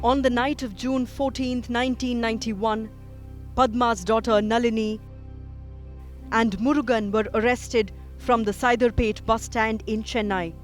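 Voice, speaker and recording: A man reading a scripted news documentary narration in a measured, even way. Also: very high voice. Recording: voice-over with music behind.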